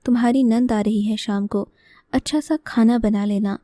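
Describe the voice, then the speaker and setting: A harsh, scornful older mother-in-law, read by a woman storyteller. She scolds with contempt in a dark, mellow, fairly high but flat voice. The sound is dry and close. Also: dry recording, natural voice. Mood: scolding.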